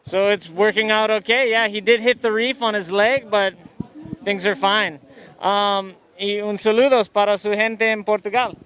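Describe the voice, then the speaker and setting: A man's voice: sits high, steady tone, moderate pace, a bit bright, clear, resonant tone, low-quality recording. A man working as an informal sideline reporter outdoors, interviewing an athlete and summarizing the answers. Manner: informal, switches languages. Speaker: beachside sports reporter and interviewer. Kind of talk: live post-heat interview, informal interpreting. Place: outdoors at a surf contest.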